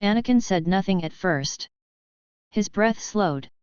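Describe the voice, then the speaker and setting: A woman narrating a fan-fiction story in a steady, measured reading. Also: medium pitch, smooth, no room sound. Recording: slightly dull, dry recording.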